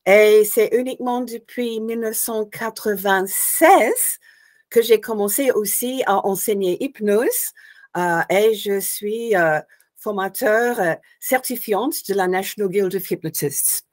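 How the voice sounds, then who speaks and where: A woman's voice: mid-range voice, takes it slowly, darkish tone. An older woman from Australia speaks as an interview guest, laying out her teaching plans step by step. She talks thoughtfully, often stopping to find the right word before going on. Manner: thoughtful, searching for words, explains step by step. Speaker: guest hypnosis instructor. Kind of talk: explanatory interview answers.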